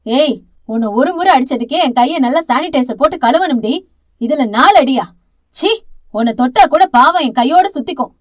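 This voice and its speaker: A woman's voice: high voice, animated, a little fast. A woman voicing a fierce, domineering middle-aged aunt who scolds with harsh contempt, in an audio novel. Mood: harsh scolding.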